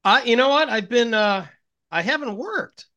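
Middle-aged dude, bright voice, wry rambling chat w deadpan jokes. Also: male voice, extremely high pitch, moderate pace. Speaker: podcast co-host. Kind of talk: casual chat.

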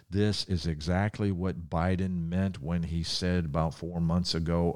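A man's voice: deep voice, a little mellow, no echo, studio quality. An American man delivering a prophecy sermon with political commentary, speaking in an emphatic, conspiratorial tone of warning. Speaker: preacher giving end-times commentary.

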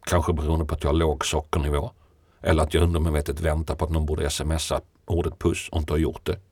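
Deep gravelly-voiced man, musing. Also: little pitch movement, darkish tone, dry recording, clean studio sound. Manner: thoughtful, musing, laughs often. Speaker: poet, podcast guest. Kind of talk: reflective conversation.

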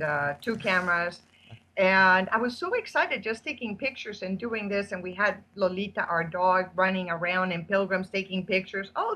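Brief: chatty female interview guest, bright and tense tone, full of fillers. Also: medium pitch, poor audio. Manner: chatty storyteller, many fillers. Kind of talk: casual interview chat. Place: at home in Spain, on a remote call.

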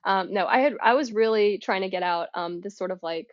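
A woman author as a podcast guest, chatting casually and haltingly with self-deprecating asides. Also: medium pitch, no room sound. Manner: self-deprecating, informal, halting and thinking aloud. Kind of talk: casual interview chat. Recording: dry, slightly dull audio.

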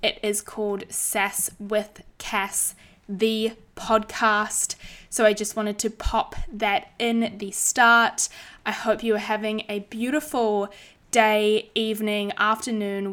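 A woman with a mid-range, slightly bright voice hosts a solo podcast, chatting informally with swearing and playful drama. Heavy rain falls in the background.

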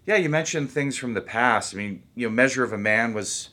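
A man who is an actor, talking about his work in a relaxed, rambling interview. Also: medium pitch, fairly quick, slight background noise. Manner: easygoing, rambling, thinks aloud. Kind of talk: casual interview talk.

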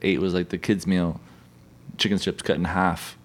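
A man's voice: low-pitched, level tone, normal speed. A man telling rambling anecdotes in casual podcast talk, acting out the people in them. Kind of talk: casual chat, storytelling.

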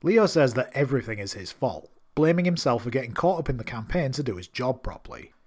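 Male recap narrator, mid-pitched, keen and wry, scripted read. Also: animated, brisk, slightly rough. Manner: enthusiastic, wry asides. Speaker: TV series recap host.

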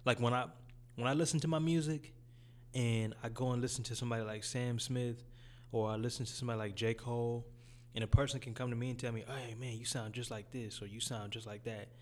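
A young man from Detroit with a raspy voice, talking about his music in a laid-back, casual interview. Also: mid-range voice, fairly even intonation, a little fast, a little hiss or hum. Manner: laid-back, loose phrasing with fillers. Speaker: guest rapper.

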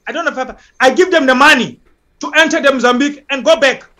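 A South African man giving impassioned interview talk as an activist guest, halting, emphatic and often repeating himself. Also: very high-pitched, sharp tone.

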